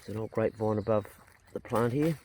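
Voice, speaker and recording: A man's voice: on the low side, quick pace, a little mellow, slight background noise. A man with a broad New Zealand accent chatting casually to his vlog, plain-spoken and rambling as he thinks aloud. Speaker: vlogger and landowner. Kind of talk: casual outdoor vlog chat.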